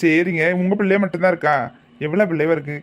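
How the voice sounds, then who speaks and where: A man playing a brisk, bossy teacher. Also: on the high side, fairly even intonation, close to an everyday voice. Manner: brisk, bossy, quick to threaten. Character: brisk, sharp-tongued kindergarten teacher. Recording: dull lo-fi sound.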